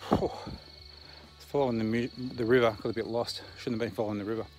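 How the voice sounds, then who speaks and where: The Australian hiker, in his thirties, talks quickly and casually to camera on a night bush trail, panting between phrases. His mid-range voice is fairly even and a little mellow, with faint music behind; the camera is held at arm's length.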